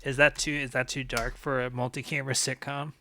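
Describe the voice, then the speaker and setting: A man co-hosting a comedy call-in show, playfully rambling through silly pitches. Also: level tone, fairly quick, noisy background. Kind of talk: improvised comedy talk.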